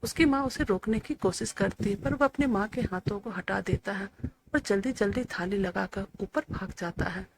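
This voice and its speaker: A woman narrating a scripted, emotional family story in a steady reading voice. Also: medium pitch, normal speed, background noise.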